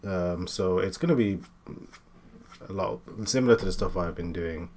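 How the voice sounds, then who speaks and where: Man, late twenties, very low voice, halting casual chat while drawing, faint room hum behind. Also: a little mellow. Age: 20s. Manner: hesitant, many fillers and restarts. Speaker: art streamer.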